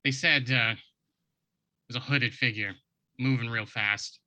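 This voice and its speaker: A man voices a hobgoblin head chef for a tabletop game. The voice is very bright and forward at a middle male pitch, recorded dry. The chef is proud and guarded, measured and matter-of-fact. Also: fairly even intonation, dry recording.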